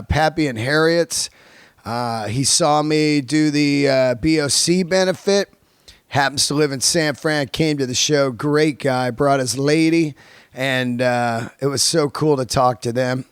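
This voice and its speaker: Here a man in his early fifties, who does stand-up and hosts a podcast, talks loosely with his audience, using slang and plenty of swearing. He speaks at a measured pace in a mid-range voice that's clear and resonant. The studio-quality audio has no echo.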